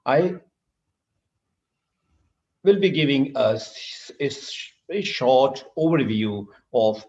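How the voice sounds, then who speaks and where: A man's voice: medium pitch, expressive, slow pace, a little mellow. A middle-aged man from Assam gives a formal university lecture as a surgeon, hesitant, with many filler sounds and restarts, captured in a screen recording of an online session. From Assam, India. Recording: dull lo-fi online call audio.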